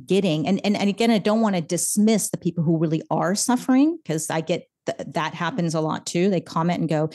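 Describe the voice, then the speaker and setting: Lively woman guest, lowish voice. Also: brisk, hardly any pauses. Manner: animated storyteller acting out quoted voices, frequent restarts. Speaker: podcast guest. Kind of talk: casual interview chat.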